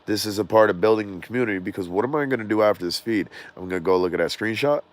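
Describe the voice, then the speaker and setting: Raspy, congested man chatting on a livestream. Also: fairly low pitch, racing. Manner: loose, rambling, animated, jokes and reads chat aloud. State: slightly raspy and congested from the cold. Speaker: drone livestream host. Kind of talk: casual livestream chat with viewers. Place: outdoors in the cold.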